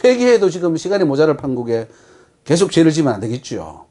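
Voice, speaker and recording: A male pastor with a Gyeongsang accent delivers an emphatic sermon. His voice sits high and swoops up and down, and he keeps putting rhetorical questions to his congregation. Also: big pitch swings, fast talker, dark tone. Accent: Gyeongsang Korean.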